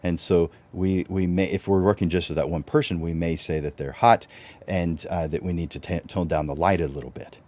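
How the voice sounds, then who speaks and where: This live-stream teaching session is hosted by a man with a low voice who talks fairly quickly. He sounds relaxed and chatty, often using fillers and restarting his sentences.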